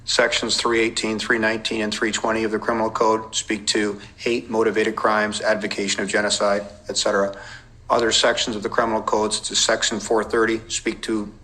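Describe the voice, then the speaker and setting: A man's voice: fairly low pitch, bright, forceful tone, poor audio. A man, a police intelligence officer giving careful, precise formal testimony under cross-examination. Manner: measured, precise, careful wording with legal references.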